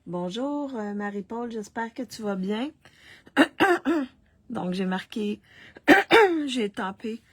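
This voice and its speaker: Slow, husky woman crafter. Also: medium pitch, a little mellow, no room sound. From Canada. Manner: slow, halting, with many restarts and fillers. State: coughing, frog in the throat. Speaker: card-making demonstrator hosting a live stream. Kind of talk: casual live craft demonstration.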